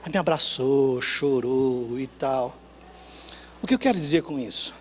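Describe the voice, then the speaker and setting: A man with a Brazilian Portuguese accent preaching a sermon, telling a personal story with acted dialogue and swinging from hushed lines to loud, rising ones. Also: medium pitch, unhurried, a little hiss or hum. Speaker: pastor.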